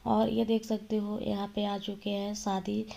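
A woman vlogger, hoarse from a cold, explaining a wedding's rituals to viewers in a casual vlog. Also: mid-range voice, monotone, a little slow, warm tone. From Jharkhand, India.

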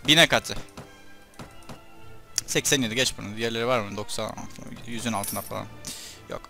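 A young man giving casual commentary over his gameplay, chatting to his troops and breaking into loud excited shouts during fights. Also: medium pitch, normal speed, vocal fry, soft background music. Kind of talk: let's play commentary.

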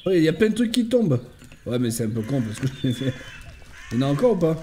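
A young man casually commenting on his game and reading in-game notes aloud, getting excited as he plays. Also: on the high side, quick pace, a little hiss or hum. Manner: excitable, talks to himself and viewers, reads in-game notes aloud. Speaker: gaming YouTuber. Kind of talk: casual let's-play commentary.

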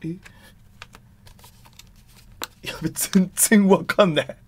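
A man streaming live, chatting casually in rough slang with loud exclamations while he handles and examines an object. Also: high voice, very slow, a little hiss or hum.

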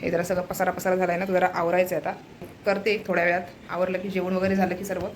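A woman's voice: lowish voice, level tone, fast talker. A woman chatting to viewers in a casual home vlog, showing what she cooks. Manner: chatty, addresses viewers as friends, shows food. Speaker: vlogger. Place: home kitchen. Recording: home video with noise.

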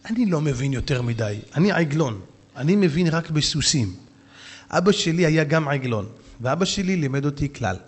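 A man voicing a poor wagon driver who speaks simply and calmly in a told story. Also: fairly high pitch, slightly rough. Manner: simple, calm, folksy.

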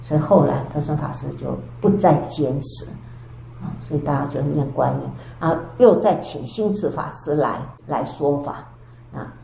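An older woman, a Buddhist nun, giving a storytelling dharma lecture with drawn-out sentence particles. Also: deep voice, gravelly, warm tone. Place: temple lecture hall. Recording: echoey hall with faint background hiss.

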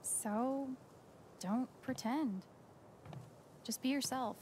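A woman voicing a kind, reassuring young woman in a video game, gentle and casual in a naturalistic style. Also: sits high, extremely slow, a little hiss or hum.

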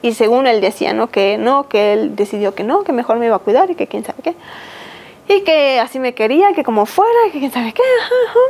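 A Mexican woman in her thirties, a podcast guest giving a personal testimony, talking haltingly with many fillers and restarts. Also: fairly high pitch, lively intonation, darkish tone, rough recording. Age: 30s.

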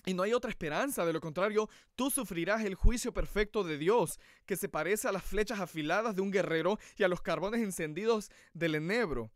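A man's voice: high-pitched, a little fast, few pauses, dry recording, studio quality. A man preaching a sermon in an earnest, emphatic way.

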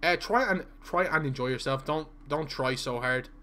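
Reading chat messages aloud as he plays, a young adult Irishman talks casually to his live-stream audience from a small room, occasionally stuttering. His mid-range voice is bright and forceful, at a normal speed.

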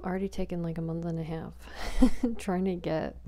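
Low gravelly soft-spoken woman. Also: flat delivery, quick pace. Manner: rambling, whispery, chatty, giggly. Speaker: ASMR creator. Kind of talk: soft-spoken ASMR chatting. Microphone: small close microphone.

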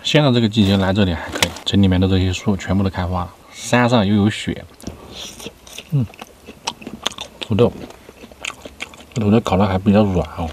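A man's voice: low-pitched, steady tone, brisk, pauses often, noisy background. A man in his thirties chatting casually to camera between bites while eating inside a car. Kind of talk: casual mukbang chat.

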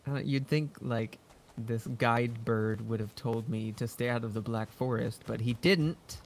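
A man's voice: mid-range voice, unhurried, slight background noise. A man chatting casually while playing a co-op survival game, joking and squealing when startled. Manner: goofy, laughs often, squeals when startled. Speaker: gaming channel host. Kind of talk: casual co-op gameplay chat.

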